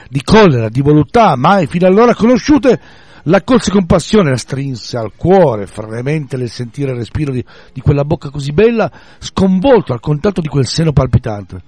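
A man's voice: fairly high pitch, darkish tone, no echo. Man reading a novel expressively. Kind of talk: casual chat and reading aloud.

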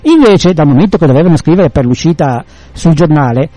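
A man's voice: fairly high pitch, animated, brisk, warm tone, no echo. A man in casual conversation retelling and explaining a classic novel, rambling with many restarts.

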